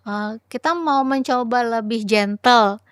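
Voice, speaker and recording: A woman co-hosts a parenting podcast in a casual, explanatory tone, with plenty of fillers. Her voice sits fairly high. The sound is dry and close, with no room echo. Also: slow, clear, resonant tone. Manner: talkative, explanatory, lots of fillers.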